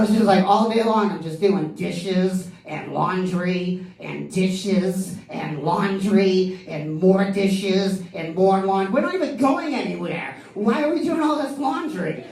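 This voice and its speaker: A man's voice: high-pitched, darkish tone, reverberant, far from the mic. A man with a Boston accent doing a stand-up comedy set, chatty and full of "you know" and "like". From East Boston, US. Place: comedy club stage.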